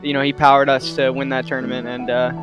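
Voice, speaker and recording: A young man giving a heartfelt anniversary speech to his gaming community, pausing often with "uh" and "um". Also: medium pitch, monotone, over music. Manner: halting, full of "uh" and "um" fillers.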